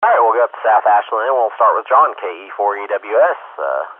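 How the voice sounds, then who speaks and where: A man's voice: lowish voice, lively intonation, fairly quick, dry recording. An American man hosting an amateur radio net in an informal, buddy-to-buddy way over a two-way radio. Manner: informal, calls people buddy. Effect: two-way radio transmission. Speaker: radio net control host. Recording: dry, very narrow-band radio audio.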